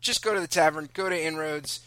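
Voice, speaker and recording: A man's voice: fairly high pitch, a little fast, a bit bright, no room sound. A man hosting a casual podcast from a room in his house, chatty and self-deprecating, rambling with restarts. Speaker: podcast host.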